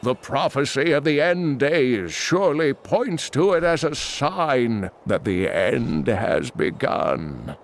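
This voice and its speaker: A man playing an elderly scholar uncle in a fantasy video game, kindly, earnest and portentous, with a creaky older voice. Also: medium pitch, very animated, slow pace, few pauses, slight background noise, full character voice. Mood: earnest, relieved. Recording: game music behind.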